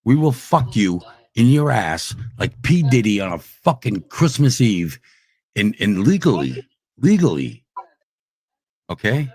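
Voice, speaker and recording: A man in a heated, profane livestream rant at online trolls, swinging between shouting and low growls. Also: slightly rough, no echo. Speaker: streamer ranting at online trolls.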